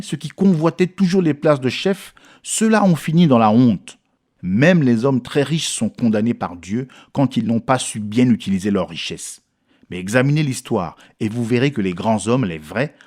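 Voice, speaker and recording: A man's voice: medium pitch, lively intonation, moderate pace, a little mellow. Earnest French man reading a sermon. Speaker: reader of a sermon book. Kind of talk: read-aloud sermon exposition.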